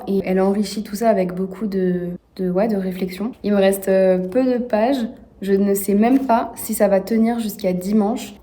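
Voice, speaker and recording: A woman in her twenties chatting casually in a vlog, sounding out foreign words slowly as she learns them. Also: medium pitch, mellow. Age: 20s. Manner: tries out foreign words slowly, sometimes under her breath. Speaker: vlogger learning a language.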